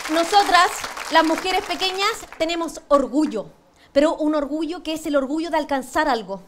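On a TV panel show, a Chilean woman delivers stand-up in a high, animated voice at a normal pace, her jokes cheeky, self-deprecating and crude. The studio setting is noisy, with crowd noise and audience laughter behind her.

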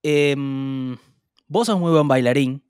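An Argentine man co-hosting a podcast, chatting casually, often hesitant and trailing off softly. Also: mid-range voice, slow, smooth, no echo, studio quality. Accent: Argentine Spanish. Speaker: podcast co-host. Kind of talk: casual chat.

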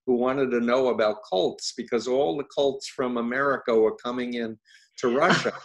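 A man's voice: mid-range voice, fairly even intonation, moderate pace. Earnest male host, conversational interview. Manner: earnest, repeats words while thinking. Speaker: host and cult expert.

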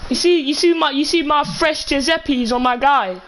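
A man's voice: extremely high pitch, moderate pace, a bit bright. Young male, London roadman accent and slang, casual game streamer chatter, noise behind the voice. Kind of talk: casual gaming banter.

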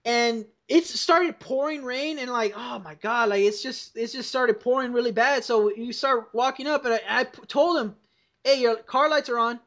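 A woman's voice: a little high, moderate pace, few pauses, fairly bright tone. A young adult woman hosting a casual podcast over a voice call, telling a rambling, profane story with lots of laughter. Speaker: podcast host. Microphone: voice call headset or computer mic. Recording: dull lo-fi voice call.

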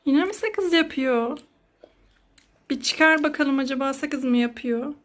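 A woman's voice: high-pitched, a little slow, fairly bright tone. A woman in her thirties, a mother filming a playful family skit vlog, fussing and exclaiming dramatically.

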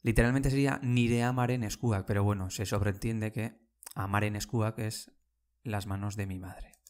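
A man's voice: lowish voice, fairly even intonation, a little mellow. A man giving a casual language lesson, explaining words patiently and often checking in with his listeners. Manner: explains slowly, repeating words and checking in with "¿vale?". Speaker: Basque language teacher.

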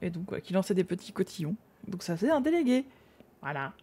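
A woman's voice: fairly low pitch, big pitch swings, fairly quick, dark tone, husky. A young woman streamer chatting casually to her viewers while drawing, laughing often and muttering to herself.

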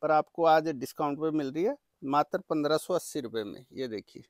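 Eager man pitching products, slightly high-voiced. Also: brisk, no echo, studio quality. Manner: eager, repetitive teleshopping-style sales pitch. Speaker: saree seller presenting products. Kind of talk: product sales demonstration.

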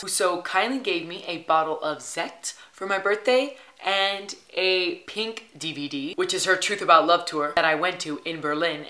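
A young woman in her twenties talks through her week in a casual vlog, chatty and upbeat, dropping "like" all the time. Her voice sits low for a woman but comes across bright and crisp. The room around her rings with a noticeable echo. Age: 20s. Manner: chatty and upbeat, heavy use of "like". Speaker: travel vlogger.

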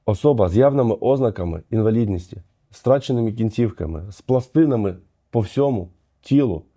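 Чоловік-коментатор обурено розбирає відео, посилаючись на закон. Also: male voice, lowish voice, animated, a little fast, dark tone. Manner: indignant legal argument. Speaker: commentator. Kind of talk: commentary over video.

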